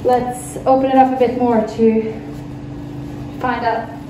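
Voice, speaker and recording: A woman's voice: on the high side, flat delivery, takes it slowly, background noise. Young Swedish woman in an echoey room. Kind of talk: casual vlog narration while working. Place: large bare room with plaster walls. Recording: echoey room, far from the mic.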